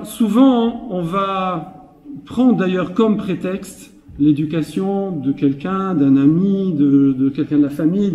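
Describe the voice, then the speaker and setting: A man's voice: high-pitched, darkish tone. A man giving an informal Torah class as a storytelling rabbi, who repeats words for emphasis and chuckles often. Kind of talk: informal Torah lecture with anecdotes. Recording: echoey hall, heard from a distance.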